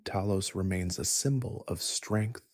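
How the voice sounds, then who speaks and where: A man narrating a bedtime story in a soft, gentle, soothing, breathy spa-like whisper, slow and unhurried. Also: deep voice, dry recording, clean studio sound. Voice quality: breathy, husky, partly whispered.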